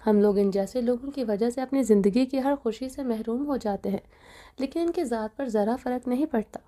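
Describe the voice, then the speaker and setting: A woman's voice: fairly high pitch, mellow, close to an everyday voice. A woman voicing a grown mafia leader who pleads emotionally with his wife, in an audio novel reading. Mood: pleading.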